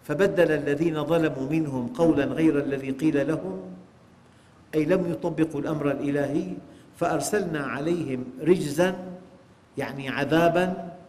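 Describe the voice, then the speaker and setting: A man's voice: on the high side, moderate pace, a little mellow. A man giving a religious lecture on scripture, preaching emphatically and asking his listeners rhetorical questions. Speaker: sheikh giving Quran exegesis. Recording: long hall reverb.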